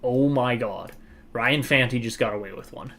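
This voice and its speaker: A man streaming a hockey video game live, giving rapid play-by-play and yelling at missed chances, then dropping to frustrated muttering. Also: mid-range voice. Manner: excitable, shouting at plays, then mutters in frustration. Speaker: gaming streamer.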